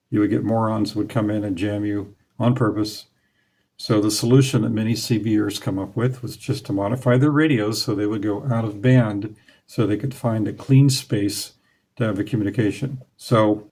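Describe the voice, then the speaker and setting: A man in his forties hosts his own radio hobby channel from a small indoor room, sitting in front of curtains and wearing a clip-on lapel mic. He talks casually to the camera in a lowish, slightly mellow voice, plain-spoken and nostalgic, with a few fillers.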